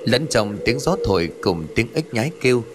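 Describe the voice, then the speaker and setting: A man's voice: medium pitch, very animated, moderate pace, background noise. A man narrating a ghost story in a dramatic, scripted storytelling manner. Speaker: audiobook narrator. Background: faint music.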